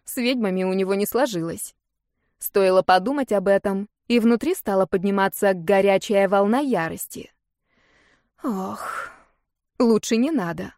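A woman narrating a first-person fantasy audiobook in an expressive, lively storytelling manner. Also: medium pitch, moderate pace, no room sound, studio quality.

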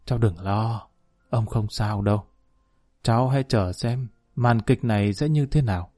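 A man's voice: lowish voice, moderate pace, mellow, no echo, clean studio sound, lightly acted. A man doing a frail, sly old man. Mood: secretive. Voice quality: weak, broken murmur.

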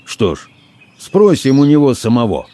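A man's voice: medium pitch, very animated, normal speed, warm tone, pitched above the performer's own voice, lightly acted. A man voicing a tall, bold middle-aged adventurer in an audiobook, speaking bluntly and curtly. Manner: blunt, curt.

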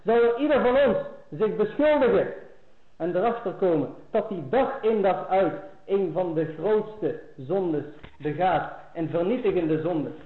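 A man with a high voice gives an earnest Islamic lecture, pressing harder on each key phrase. The recording is thin and phone-like, and it echoes as if from a bare room. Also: unhurried. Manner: earnest, rises in pitch and force on key phrases.

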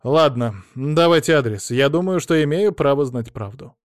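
A man's voice: medium pitch, animated, moderate pace, no room sound, studio quality, natural voice. A male reader voicing a brash, cocky young man who talks back defiantly. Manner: defiant, mocking, insistent.

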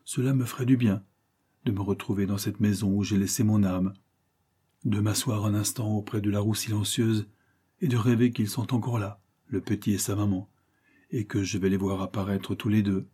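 A man voicing a poor, wistful old male miller, speaking softly and tenderly with a husky voice. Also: on the low side, steady tone, normal speed. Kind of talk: audiobook character reading.

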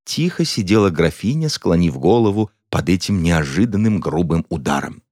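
A man narrating a comic story in an expressive, mock-dramatic reading. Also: low-pitched, moderate pace, no room sound, studio quality. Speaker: audiobook narrator.

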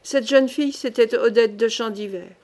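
A woman's voice: fairly high pitch, moderate pace, a little mellow. Woman reading a historical novel aloud. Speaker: audiobook reader. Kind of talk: audiobook narration.

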